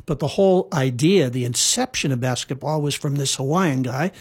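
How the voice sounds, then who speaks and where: A husky, mid-range male voice at a moderate pace. A guest storyteller who lives in Hawaii, he tells historical stories in casual conversation, rambling with frequent fillers and restarts.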